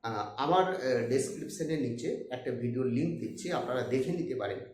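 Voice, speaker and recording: A man's voice: medium pitch, animated, a little fast, a little mellow, echoey room. A man giving impassioned political commentary, talking emphatically to his viewers.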